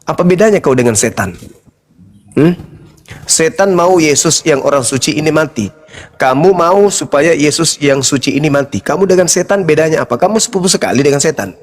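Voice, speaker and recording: A high-pitched man argues over an online call. He is combative and mocking and keeps firing the same question back. He laughs at his opponents. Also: expressive, fairly quick. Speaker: debater in an online interfaith discussion. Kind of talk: heated debate.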